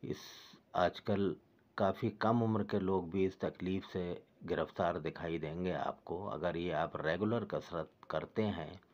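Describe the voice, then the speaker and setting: A man calmly explaining knee exercises step by step, as a fitness instructor. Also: low voice, a little slow, muffled recording. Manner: patient, repetitive step-by-step guidance.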